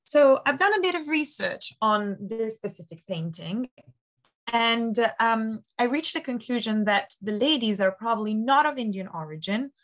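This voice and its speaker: On a webcam video call from her home study, an auction house specialist in her thirties explains art to an interviewer. Enthusiastic and using many fillers, she talks at normal speed in a slightly high, fairly bright, animated voice.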